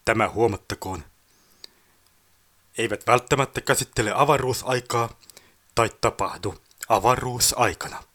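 A man reading the formal opening of a science fiction story collection in a measured way. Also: mid-range voice, a bit bright. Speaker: narrator. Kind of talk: scripted audiobook introduction.

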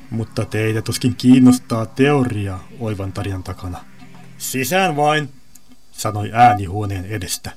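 Guy reading a sci-fi story out loud, calm and even. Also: on the low side. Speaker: narrator. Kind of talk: storybook narration.

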